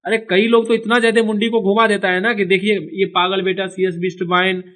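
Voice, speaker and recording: A man from India walks through animation software one step at a time, explaining as he clicks. His voice sits high, and he keeps saying "okay" to mark each step. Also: flat delivery, brisk. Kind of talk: screen-recorded software tutorial.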